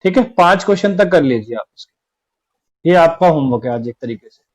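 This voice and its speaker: A man with a fairly high, slightly mellow and animated voice teaches class-twelve maths online at a moderate pace, in a low-quality recording. He explains each step, repeats every key point, and frequently says "theek hai".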